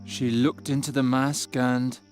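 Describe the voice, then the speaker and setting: A man's voice: mid-range voice, flat delivery, measured pace, faint music behind, lightly acted. An actor playing a hesitant, puzzled young male adventurer who speaks in a questioning way. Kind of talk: game voice acting.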